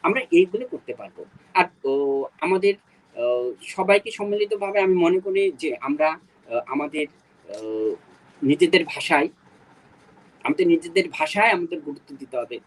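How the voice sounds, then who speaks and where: A man from Bangladesh whose first language is Garo speaks as a panelist at a literature webinar. He makes his case earnestly over a video call and often pauses with hesitant fillers. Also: fairly high pitch, husky, low-quality recording. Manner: urging, with frequent hesitant fillers.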